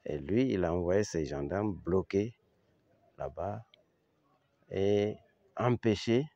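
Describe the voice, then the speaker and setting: An older man with a Chadian accent giving an informal historical account, halting and searching for words, yet emphatic with the listener. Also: low voice, warm tone, no echo, muffled recording. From Chad. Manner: halting, with repeated words and long searching pauses. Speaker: eyewitness commentator on history.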